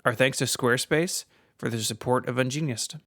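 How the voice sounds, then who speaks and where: A man with a mid-range voice at moderate pace co-hosts a casual podcast in clean studio sound with no echo, trading history facts in relaxed banter. He laughs often and also reads a sponsor spot.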